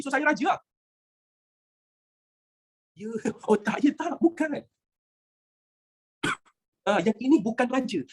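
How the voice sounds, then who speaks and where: A history teacher with a Malaysian accent gives an animated lesson, firing rhetorical questions at students and mixing in English phrases. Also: mid-range voice.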